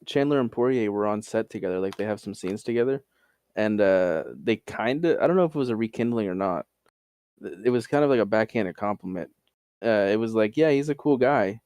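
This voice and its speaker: Laid-back man with a low, mellow voice. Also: expressive, a little fast, clean tone, dry recording. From Canada. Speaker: podcast co-host. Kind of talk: casual chat.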